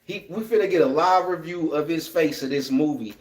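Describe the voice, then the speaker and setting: Animated slangy man in an echoey room. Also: on the high side, a little fast. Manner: animated, slangy, acts out lines. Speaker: podcast co-host. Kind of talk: casual chat.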